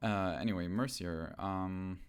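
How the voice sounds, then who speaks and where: A man co-hosting a casual podcast about a tabletop game, thinking aloud and hesitating with many ums, on rough home audio. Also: deep voice, unhurried. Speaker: podcast co-host.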